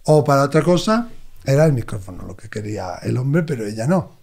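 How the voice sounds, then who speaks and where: A man, a medium, telling expressive stories as an interview guest. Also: mid-range voice, brisk, creaky. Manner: expressive, animated anecdotes. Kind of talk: conversational storytelling.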